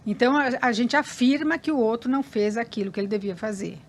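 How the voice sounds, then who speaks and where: Older woman, lively and fast-talking. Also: fairly high pitch, a little hiss or hum. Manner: animated storyteller, acts out dialogue. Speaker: guest, family counselor. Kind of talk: relaxed interview conversation.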